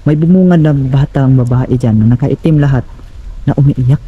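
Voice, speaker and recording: A man filming a ghost-hunting vlog outdoors at night on a handheld camera, calling out loudly, then dropping to hushed asides for his viewers. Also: medium pitch, moderate pace, husky, phone-quality sound. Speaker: paranormal vlogger.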